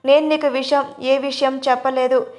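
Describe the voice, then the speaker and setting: A woman's voice: sits high, little pitch movement, moderate pace, a little mellow, natural voice. A woman voicing a troubled young man in love, brooding in his thoughts in a storybook reading. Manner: brooding, inner voice.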